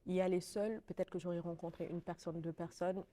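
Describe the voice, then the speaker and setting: A woman's voice: on the low side, steady tone, a little fast, mellow, slight background noise. A woman in her thirties from Senegal giving an interview testimonial, earnest and hesitant with many fillers.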